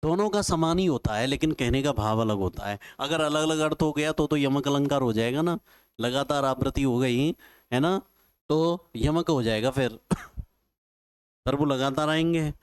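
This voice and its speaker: A male Sanskrit teacher, giving a classroom lecture and dictating notes slowly, repeating each phrase with homely examples. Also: medium pitch, clean tone, no echo, studio quality. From Rajasthan, India. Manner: slow, repetitive dictation with folksy examples.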